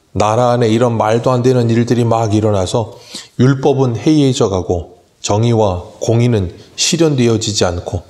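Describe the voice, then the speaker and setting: A man's voice: mid-range voice, a little mellow. A male pastor preaching an expository sermon at a dawn church service, earnest and full of rhetorical questions.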